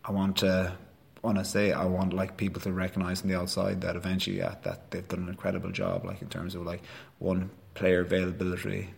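A man's voice: deep voice, monotone, fairly quick, gravelly, husky. A man in his thirties with a west of Ireland accent, giving earnest, rambling, colloquial answers in an interview. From Galway, west of Ireland. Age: 30s. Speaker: rugby sports staff member, coach.

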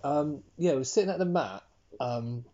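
A young man chatting casually, jumping in often and trailing off into low mumbles. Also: normal speed, highs cut off, crowd noise. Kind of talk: casual chat.

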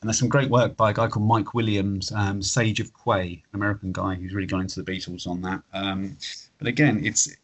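A man in his late thirties with a low, rough-edged husky voice. He talks casually and at length in a matey, laid-back way, often acting out little quotes as he explains himself. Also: flat delivery, a little fast. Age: late 30s. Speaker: interview guest, flat earth believer.

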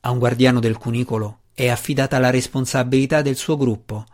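A gruff, world-weary deep gnome, put on by a male narrator. He speaks slowly in a low, grumbling voice that carries the weight of old guilt, as in a fantasy audiobook. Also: steady tone, darkish tone, lightly acted.

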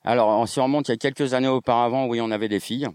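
Fast-talking man with a dry, close sound. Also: medium pitch, steady tone, a little mellow, smooth, no echo. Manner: rambling, many fillers and restarts. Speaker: slackline trainer and organizer. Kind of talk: interview answers.

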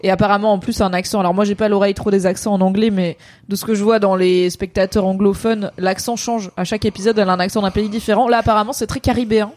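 Woman, casual stream co-host, chatty, rambling digressions, filler words, dry close-up sound, mid pitch. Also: fairly even intonation, quick pace, hardly any pauses, a little mellow, no echo. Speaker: co-host of a series debrief stream. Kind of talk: casual chat.

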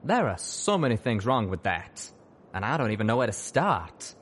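A man's voice: on the low side, sing-song, moderate pace, slight background noise. A man voicing a young male pegasus pony, a folksy wisecracking friend who drawls in slang. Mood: wry.

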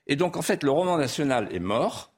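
Husky and fairly quick, the man's high-leaning voice swings widely in pitch as he speaks lyrically, building toward emphatic peaks. He's a French author, originally a Vendée patois speaker, appearing as a guest in a studio interview.

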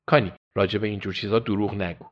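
A man voicing a weary, guarded woman in prison who answers quietly and evasively. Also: fairly low pitch, steady tone, muffled recording, lightly acted.

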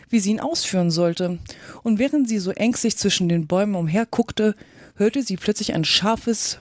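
A woman narrating a storybook in a steady, even reading voice. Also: mid-range voice, no room sound, clean studio sound. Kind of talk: audiobook reading.

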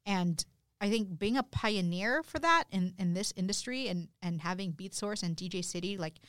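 A woman from California, a DJ guest, talking in a casual podcast conversation, animated and quick to correct herself mid-sentence. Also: mid-range voice, no room sound, studio quality. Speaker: guest DJ and events manager.

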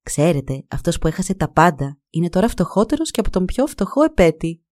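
A woman's voice: on the low side, sing-song, darkish tone, no room sound, clean studio sound. A woman voicing a gossiping male deacon who speaks dismissively in a storybook reading.

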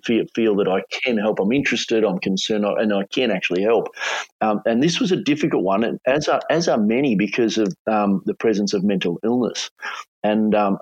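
Middle-aged Australian male interviewee, low husky voice, casual halting storyteller, dull sound. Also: darkish tone. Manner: hesitant, halting, casual phrasing. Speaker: former police hostage negotiator, interview guest. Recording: dull, echoey room recording.

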